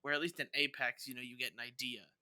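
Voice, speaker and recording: A podcast host runs through gaming news casually in a mid-range voice with a flat, quick, sharp delivery. The recording is clean and dry, and he rambles, stammering and making repeated false starts.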